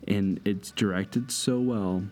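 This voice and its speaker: A man's voice: lowish voice, steady tone, takes it slowly, darkish tone, faint music behind. A man co-hosting a podcast, chatting casually and enthusiastically about movies, rambling and teasing. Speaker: podcast co-host.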